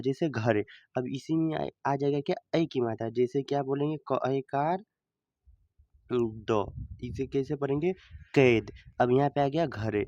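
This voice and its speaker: Guy teaching kids to read, drags out each word, asks himself stuff then answers, dark dull dry sound. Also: medium pitch, no echo. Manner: explains by asking and answering his own questions. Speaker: Hindi reading teacher. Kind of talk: slow teaching lesson, sounding out letters.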